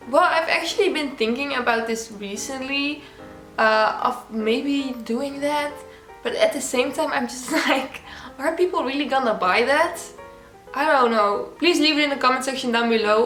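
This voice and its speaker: In a casual Q&A vlog, a young Dutch woman from the Netherlands answers viewer questions, chatty and giggling, with lots of "like" fillers. Her voice is a little high with a fairly bright tone, and the audio is reverberant.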